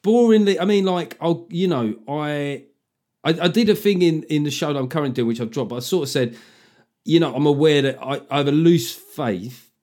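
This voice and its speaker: A man's voice: on the high side, fairly quick, darkish tone. A man hosting a podcast, a stand-up comedian chatting casually with sardonic, sweary jokes. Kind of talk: casual chat.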